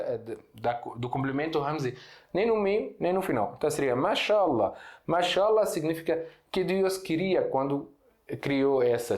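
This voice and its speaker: A man's voice: fairly high pitch, noisy background. A man from Syria, a native Arabic speaker, teaching an Arabic lesson in casual Portuguese, with many fillers and restarts as he explains. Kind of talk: casual online language lesson. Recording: echoey room.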